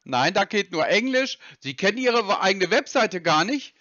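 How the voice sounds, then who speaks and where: A man with a high, lively voice taunts a caller with sarcastic insults. His voice sounds dry and slightly muffled, as if over a phone line. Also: normal speed, no room sound. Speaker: scam baiter. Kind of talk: mocking phone prank call.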